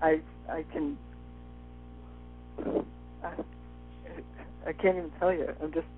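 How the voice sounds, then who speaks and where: High-voiced man talking with a retainer in. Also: very animated, slow pace, creaky. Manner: talking with a dental appliance in the mouth, like wearing a retainer. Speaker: interview guest. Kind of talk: personal testimonial in conversation. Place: phone call. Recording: muffled phone line, faint music behind.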